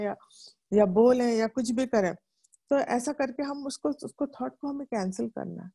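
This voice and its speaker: A middle-aged woman from India explains a self-help book to her viewers. She talks chattily, poses questions and answers them herself, and acts out the lines she quotes. Her voice is mellow and soft at the edges. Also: a little high, gravelly.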